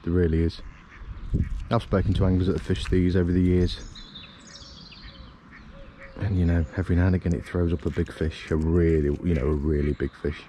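A man with a low, mellow voice speaks a little fast in a flat delivery, pausing often, with slight background noise. He's narrating his own fishing trip on a fenland drain bank as a casual vlog, chatty and relaxed, repeating "it really does."

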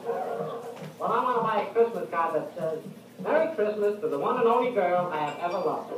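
High-voiced customer, old radio comedy. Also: male voice, expressive, moderate pace, distant mic. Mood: eager. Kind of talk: 1940s radio comedy acting. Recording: very noisy, echoey old 1940s radio recording.

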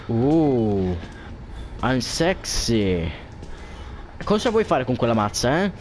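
A man's voice: medium pitch, very animated, slow, darkish tone, slight background noise. A man commenting on a horror game for viewers, jumpy and joking, swearing often at what scares him. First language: Italian. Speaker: gameplay commentator.

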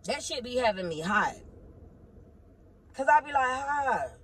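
Husky woman ranting into her phone. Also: normal speed. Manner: animated, swings from loud outbursts to low muttering. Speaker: vlogger. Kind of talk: heated casual rant to camera.

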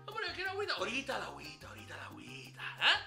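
A man's voice: very high voice, sing-song, normal speed, sharp tone, faint music behind, exaggerated voice. A man playing a brash, flirty ladies'-man character who hands out dating tricks in swaggering, slangy banter in a comedy sketch. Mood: boastful. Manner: swaggering slangy banter, calls listener papá. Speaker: comic character giving dating tips. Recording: roomy echo.

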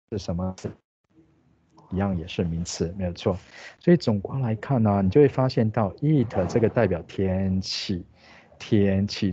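A man with a Taiwanese Mandarin accent teaches an English grammar lesson, explaining patiently and repeating English words slowly. His voice is low and warm, and the audio sounds dull.

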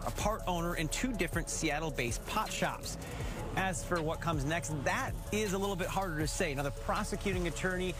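A man in his thirties reporting live outdoors for a local TV news station in a measured, clear delivery. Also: a little high. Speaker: field reporter. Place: outdoors by a jail parking lot.

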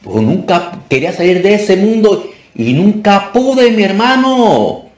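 Male deliverance preacher, fervent call-and-response, slightly high voice, echoey hall. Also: animated, a little slow, darkish tone, recorded from a distance. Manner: breaks into song. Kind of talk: deliverance prayer and sermon. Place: church conference hall.

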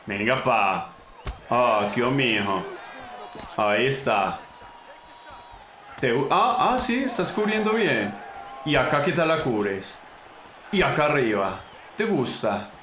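Excitable Colombian man, bright echoey voice. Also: medium pitch, slow, pauses often, a little hiss or hum. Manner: excitable, slangy, talks to the opponent, bursts into yelps. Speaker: gaming channel host. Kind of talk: casual gameplay commentary.

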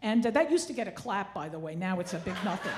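A woman's voice: mid-range voice, animated, fast. A woman in her sixties doing stand-up comedy into a handheld stage mic, with wry, self-deprecating, Yiddish-inflected kvetching. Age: 60s. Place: theatre stage, indoors. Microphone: handheld stage microphone. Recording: live stage ambience with clear noise.

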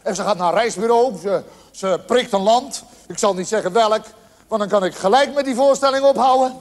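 A man's voice: sits high, fairly quick. A man performing a live comedy monologue in a theatre, telling a rambling story and turning to the audience with mock-earnest asides. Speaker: stand-up comedian. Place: large theatre stage with audience. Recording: live theatre recording with long hall reverb. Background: audience laughter.

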